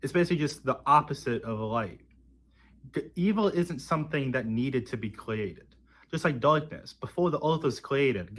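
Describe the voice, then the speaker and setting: Male explainer, medium pitch, informal and didactic, talking directly to the listener. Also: a bit bright. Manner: didactic, conversational. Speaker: video speaker explaining religious belief.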